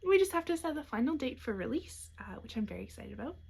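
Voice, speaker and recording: Talking quickly in a high, sing-song voice with husky vocal fry, this young podcast host and knitwear designer shows off her work in a casual show-and-tell. She's chatty and cheerful, slipping in soft asides despite her hiccups.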